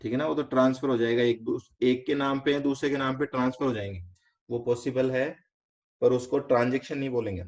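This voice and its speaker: With medium pitch and fairly even intonation, an Indian man lectures an online finance class, moving through it step by step. He checks in with students through quick questions and uses English terms along the way; the audio is slightly dull and lo-fi.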